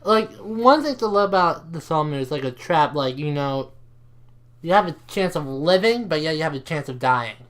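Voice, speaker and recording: A man's voice: on the high side, animated, normal speed, fairly bright tone. A man co-hosting a casual podcast chat, talking in a laid-back way and laughing easily. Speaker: podcast co-host.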